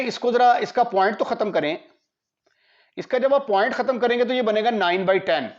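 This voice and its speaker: A man with a Pakistani accent teaching maths in a classroom lecture, mixing Hindi-Urdu with English terms and asking students quick checks. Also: high voice. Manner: asks students rhetorical checks. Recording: dull lo-fi lecture audio.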